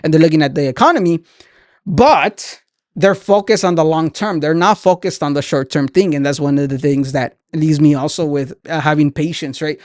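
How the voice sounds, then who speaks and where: A man in his twenties, a podcast host and entrepreneur, delivers a motivational talk, sharing lessons directly with listeners in an earnest, conversational way and often checking in with "right?". His voice sits on the high side with a darkish tone and a moderate pace. The recording is studio quality with no echo.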